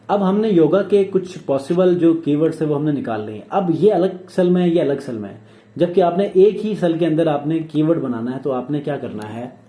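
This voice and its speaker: A man with a Pakistani Urdu accent teaching a screen-recorded software tutorial, walking through steps and checking in with viewers often. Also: on the high side. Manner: explanatory, repeats "theek hai" checks. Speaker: tutorial instructor. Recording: echoey room.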